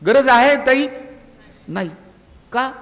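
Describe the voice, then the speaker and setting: A middle-aged man with a high voice lectures students in a big hall, and the long reverb rings after each phrase. He speaks as a police inspector, pressing them with rhetorical questions and half-scolding appeals. The delivery is a lively public speech. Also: takes it slowly. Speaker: police inspector giving a talk. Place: college auditorium.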